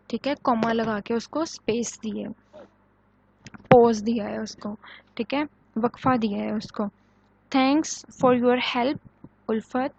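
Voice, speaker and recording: A woman teaching English grammar in a recorded online lecture, explaining in Hindi and Urdu, reading English example sentences slowly, and asking the class questions that she answers herself. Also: a little high, darkish tone, highs cut off.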